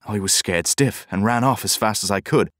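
A man voicing an excited, frightened young farm boy in an audiobook, eager and breathless. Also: normal speed, no echo, studio quality, close to an everyday voice. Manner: breathless, eager, high-pitched. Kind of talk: audiobook character voice.

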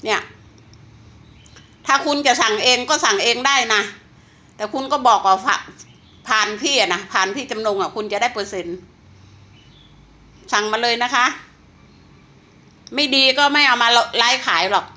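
A woman's voice: on the high side, normal speed, pauses often, sharp tone. A woman in her sixties chatting persuasively to viewers while selling a health product. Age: 60s. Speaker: online seller. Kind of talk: casual live-selling chat.

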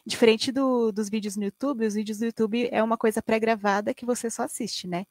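A woman's voice: a little high, steady tone, brisk, darkish tone, no room sound. Brazilian woman, late twenties, friendly, dry close headset sound, conversational. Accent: Brazilian Portuguese. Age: 20s. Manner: friendly, tags sentences with "né". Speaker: guest streamer. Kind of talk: conversational interview answers. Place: bedroom. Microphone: gaming headset.

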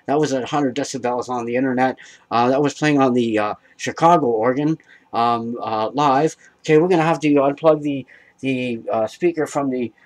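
A man hosts his own tech show from a dim room at home, explaining each step casually. His voice sits a bit high, and he stumbles often, with fillers and restarts. He is caught by a camera some way off across the room. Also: poor audio. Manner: hesitant, many fillers and restarts.

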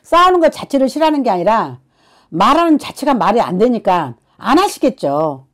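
Woman fortune teller, blunt and scolding, lively high voice, pushes with repeated questions. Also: normal speed. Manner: forceful, scolding, keeps prodding with "어?". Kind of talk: blunt counseling session.

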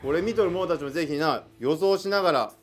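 A man's voice: on the high side, fast talker, faint music behind, lightly acted. A man in character as an old-fashioned samurai lord, speaking archaic samurai speech, co-hosting a history drama chat. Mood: lordly. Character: old-fashioned samurai warlord persona, grand and jovial. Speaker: co-host.

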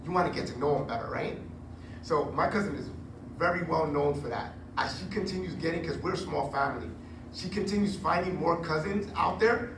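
A man in his forties preaching a sermon on a church stage into a handheld mic, chatty and animated with joking asides. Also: on the high side, brisk, far from the mic. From Puerto Rico heritage. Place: church stage with curtain backdrop. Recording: echoey room, recorded from afar, noisy.

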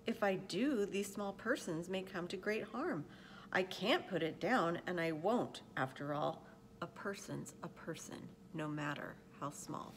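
A woman voicing a big, gentle, protective male elephant from a storybook, speaking earnestly and pleadingly. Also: on the low side, measured pace, slight background noise. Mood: soft, worried.

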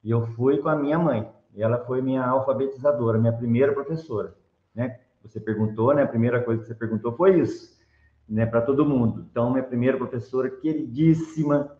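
A middle-aged man, a science teacher, telling his story in a relaxed, unhurried way. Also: mid-range voice. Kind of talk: casual interview answer. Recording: roomy, dull lo-fi video call audio.

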